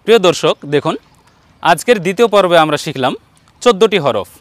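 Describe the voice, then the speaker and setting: A man with a Bangladeshi Bengali accent teaches Arabic letter sounds in an online Quran lesson. His voice sits fairly high, and he draws each letter out slowly and patiently. The sound is dry and close, with no room echo. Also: lively intonation. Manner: slow, patient, drawn-out letter demonstrations.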